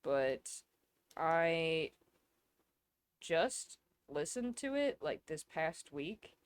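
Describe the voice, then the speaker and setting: Give me a lowish-voiced woman co-hosting a podcast, excitable and swearing. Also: extremely slow, clean tone. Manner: swears freely, excitable, rambling. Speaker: podcast co-host. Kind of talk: casual chat.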